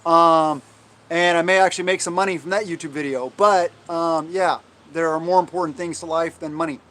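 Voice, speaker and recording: An American man with a fairly high-pitched voice chats casually as the host of a livestream. He responds to comments as he goes. His delivery is halting and meandering, with phrases that trail off and get restated. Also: fairly even intonation, fairly bright tone. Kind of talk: casual livestream chat, answering viewer comments.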